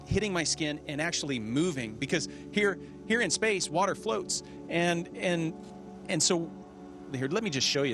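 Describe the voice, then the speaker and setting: An astronaut, a man with a slightly high voice, answers questions informally. He explains things earnestly and haltingly, repeating words as he goes. Music plays clearly behind him. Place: inside a space station.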